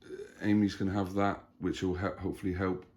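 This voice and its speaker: Dad vlogger with a very low voice, chatty and loose. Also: male voice, quick pace. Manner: chatty, rambling, animated when retelling stories. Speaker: family vlogger, father. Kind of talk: casual chat.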